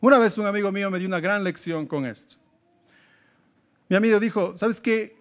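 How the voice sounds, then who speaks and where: A male pastor with a rather high voice delivers an emphatic sermon. He asks rhetorical questions and moves between loud exclamations and hushed asides. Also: a little fast.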